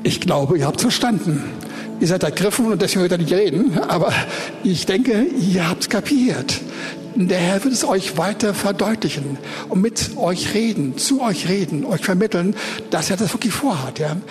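A man with a high voice preaches and prays earnestly. He speaks straight to his congregation. The sound carries a long reverb from the church hall. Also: animated, normal speed, music in the background. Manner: earnest, addresses the congregation directly. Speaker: pastor. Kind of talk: sermon and prayer.

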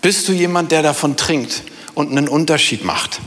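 A man's voice: a little high, normal speed, a bit bright. A middle-aged man preaching a sermon, speaking emphatically and addressing his congregation directly. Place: church hall before a congregation. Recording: reverberant hall sound.

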